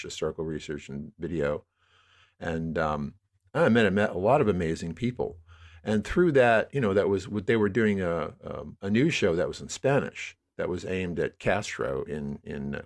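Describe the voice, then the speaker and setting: Speaking at normal speed in a low, animated voice, a man in his sixties from the New York area reflects discursively as a guest. He is an American media producer taking part in a conversational interview.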